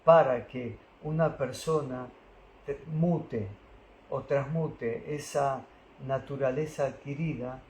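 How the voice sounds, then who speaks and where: A man, calmly explaining spiritual philosophy with pauses and Sanskrit terms. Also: medium pitch, echoey room, a little hiss or hum, poor audio. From Argentina. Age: 60s. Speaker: spiritual teacher.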